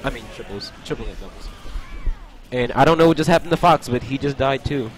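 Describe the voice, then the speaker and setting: A young esports commentator with a mid-range voice, lively intonation and brisk pace covers a video game tournament stream. He chats loosely, laughs often and answers chat between plays, while loud game music plays behind him.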